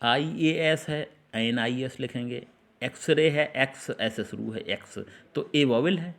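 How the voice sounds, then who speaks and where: A male teacher giving a classroom-style grammar lesson, at an ordinary middle pitch. He walks through each example slowly, repeats the key sounds and keeps putting questions to his students. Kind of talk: Hindi grammar lesson on English articles.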